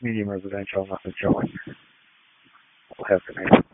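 A man reporting to dispatch over a two-way radio, brisk and matter-of-fact. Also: low-pitched, flat delivery, heavy background noise. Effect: two-way radio transmission. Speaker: battalion chief on the radio. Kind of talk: clipped radio dispatch traffic. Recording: tinny narrow radio line.

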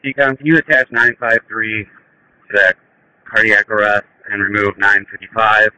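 A man's voice: fairly low pitch, fairly even intonation, normal speed, sharp tone, dry recording, rough recording. A man calling dispatch over two-way radio as an emergency responder, in brief radio traffic. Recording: dry two-way radio audio.

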